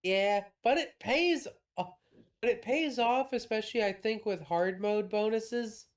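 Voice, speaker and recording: A woman in a casual gaming chat, talking slowly and thoughtfully, with pauses and ums. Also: fairly high pitch. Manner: slow, thoughtful, hesitant with ums. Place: home streaming setup.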